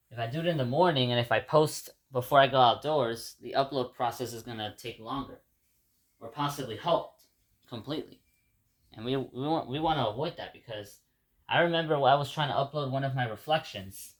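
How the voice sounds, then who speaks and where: This Ecuadorian man, a native Spanish speaker, rambles casually to his viewers as a vlogger recapping his day. Words get repeated and sentences restarted, all in an ordinary middle-pitched male voice.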